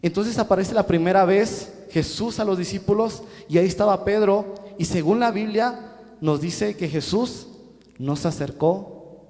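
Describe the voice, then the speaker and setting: A man's voice: sits high, normal speed, darkish tone. A male preacher giving a sermon in a church, asking the congregation rhetorical questions. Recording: echoey hall reverb.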